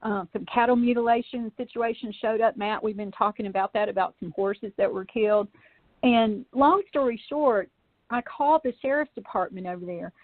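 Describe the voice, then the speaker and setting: A woman guest who researches UFOs, telling anecdotes in a chatty, animated way full of fillers. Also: on the high side, moderate pace, dry recording. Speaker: podcast guest, UFO researcher. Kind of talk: casual storytelling in a call-in interview. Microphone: phone. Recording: tinny, dry phone line.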